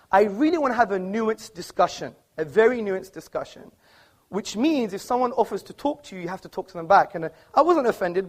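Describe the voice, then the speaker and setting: A man giving an argumentative opening speech in a formal debate, speaking on stage in an auditorium before a live audience. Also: sits high. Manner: emphatic, argumentative, quoting books.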